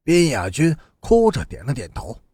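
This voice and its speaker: A man narrating an audiobook novel in steady storytelling, with expressive rises and falls. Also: medium pitch, moderate pace, breathy edge, no echo.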